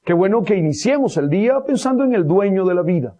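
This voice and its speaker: A man, a priest, hosting a Sunday religious talk show and interviewing a guest with a warm, pastoral manner. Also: sits high, animated, fast talker, muffled recording. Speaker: priest and radio host.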